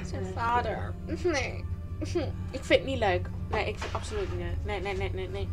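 A woman commentating a video game, excitable and reacting loudly to what happens. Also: medium pitch, moderate pace. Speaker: gamer. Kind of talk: let's play commentary. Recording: game music behind the voice.

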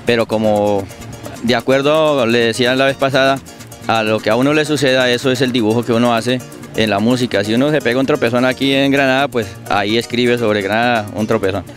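A middle-aged Colombian-accented singer-songwriter answers interview questions casually in a park. He talks a little fast at medium pitch into a handheld mic held by the host, with soft music in the background.

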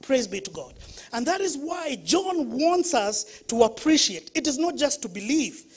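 Here the same kind of sermon comes in a high-pitched, unhurried voice: a woman pastor with a Kenyan accent, speaking in church. She tells stories with energy and puts questions to her congregation.

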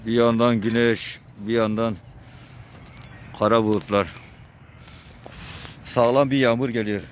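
Man on a street feeding strays, gentle coaxing calls, mid-range voice, light outdoor noise under him. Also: little pitch movement, measured pace. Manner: soft, coaxing, high-pitched calls to animals. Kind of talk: coaxing street animals while feeding them.

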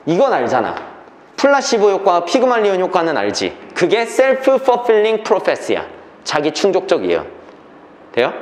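A man's voice: a little high, reverberant. A man teaching an English reading class, lecturing and often checking that the students follow.

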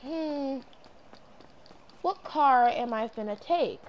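A woman's voice: sits high, slow, a little hiss or hum. A woman hosting a gaming channel, giving goofy, playful let's-play commentary and talking to herself as she plays. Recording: game sounds loud behind the voice. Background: video game sounds and vehicles.

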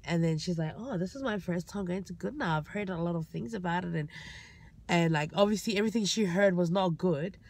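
A woman's voice: lowish voice, brisk. Young woman telling casual stories. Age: young adult. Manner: animated anecdotes with acted-out quotes. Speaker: vlogger. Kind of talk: casual vlog storytelling. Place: inside a parked car at night. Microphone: phone at arm's length.

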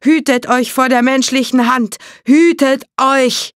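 A man voicing a possessed young female automaton who screams warnings in a shrill voice. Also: steady tone, a little slow, fairly bright tone, clear, resonant tone, no room sound, studio quality. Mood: shrieking warning. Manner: ranting prophecy, repeated warnings. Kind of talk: audiobook character voice.

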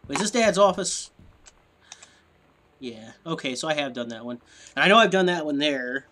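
A man with a stuffy, sniffly nose talks through a game at his desk microphone, half to himself. He mutters and rambles in puzzlement, and his fairly high voice swings up and down a lot. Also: expressive, moderate pace, bright, forceful tone, slight background noise. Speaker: gameplay video host. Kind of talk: casual let's-play commentary.

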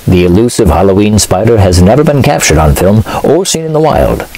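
Deep husky deadpan documentary narrator. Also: male voice, brisk, low-quality recording. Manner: solemn, deadpan documentary delivery. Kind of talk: mock nature documentary narration.

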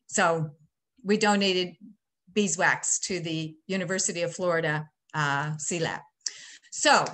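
A woman's voice: medium pitch, fairly bright tone. Woman in her sixties, folksy beekeeping presenter, chatty with frequent ums, laptop mic on a call. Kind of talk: webinar presentation. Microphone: laptop webcam mic on a video call.

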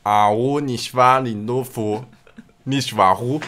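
A man's voice: medium pitch, fairly even intonation, unhurried, a bit bright. A young man in playful casual chat, teasing and bantering through a challenge. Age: young adult. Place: small furnished room, indoors.

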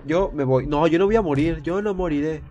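A young man, stuffy with a cold, excitedly commenting on a live game and chatting with viewers. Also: fairly high pitch, fairly quick, dull audio. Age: young adult. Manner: rambling, excitable, talks to viewers while playing. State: congested with a cold. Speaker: streamer. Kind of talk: live gameplay commentary reading chat.

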